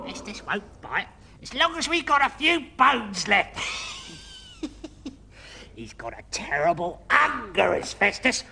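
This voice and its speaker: An actress voicing a sly, wheedling old dungeon housewife who cackles and calls everyone dearie. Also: female voice, a little high, creaky, sharp tone, slight background noise, exaggerated voice. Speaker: character in a TV dungeon game.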